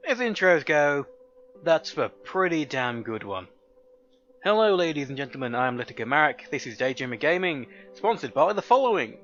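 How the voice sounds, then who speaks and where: Man hosting a let's play, bright-pitched and animated, self-deprecating banter. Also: moderate pace, highs cut off, soft background music. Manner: chatty, self-mocking, reads menus aloud. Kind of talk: casual gameplay commentary.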